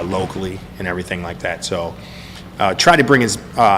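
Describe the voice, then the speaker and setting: Joking low-voiced bike shop host. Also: male voice. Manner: jokey, rambling with restarts. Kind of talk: casual podcast chat. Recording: reverberant room, faint background hum.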